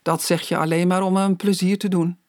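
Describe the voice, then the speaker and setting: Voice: medium pitch, flat delivery, fairly quick, darkish tone, no room sound, clean studio sound, close to an everyday voice. A storyteller voicing a playful, somewhat vain mother in an audiobook, teasing and theatrical.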